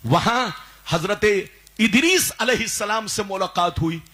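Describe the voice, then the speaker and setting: At a live religious gathering, this male Islamic preacher speaks a little slowly in a high voice, calling on the audience again and again to respond loudly. Some phrases he turns into a sung chant.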